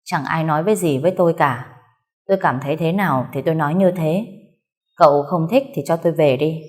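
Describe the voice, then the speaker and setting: A proud, sulky young wife, as a woman reader puts her on, snapping back with curt sarcasm. Her voice sits fairly low and even in a spoken storybook. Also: a little fast, close to an everyday voice. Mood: sarcastic.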